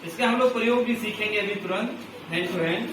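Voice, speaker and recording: A male English teacher, slowly reciting word forms in a classroom grammar lesson. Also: high-pitched. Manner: slow, drawn-out recitation with repeated drills. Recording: echoey room from far off with noise.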